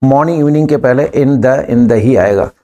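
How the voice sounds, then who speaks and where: A man's voice: medium pitch, normal speed, warm tone. A man with an Indian accent teaching an English class live, repeating prompts and urging his students to hurry and answer.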